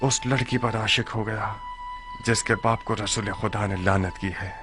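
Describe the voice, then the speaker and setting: An actor playing a proud warrior in a dubbed historical drama, who speaks with grave bitterness and breaks into shouted threats. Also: male voice, fairly low pitch, steady tone, a little slow, over music, close to an everyday voice. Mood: grave bitter. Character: fierce warrior man, proud and quick to rage. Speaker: Mukhtar.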